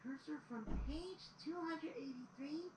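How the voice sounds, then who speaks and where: Here the same kind of role plays out: a woman as a boy dragon assistant narrating history like a storybook in an audio drama. Her voice is high yet darkish, a little slow, and earnest. The sound is replayed, noisy, roomy and far off.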